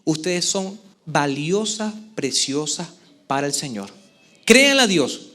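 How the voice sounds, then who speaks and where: A man preaching a sermon as pastor to a church congregation, with expressive delivery and frequent questions to the listeners. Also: on the high side, slow pace. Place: church service before a congregation.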